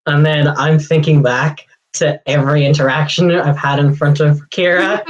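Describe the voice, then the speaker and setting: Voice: mid-range voice, steady tone, moderate pace, lo-fi sound. A player in a tabletop game, telling a rambling story and giggling. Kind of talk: casual chat.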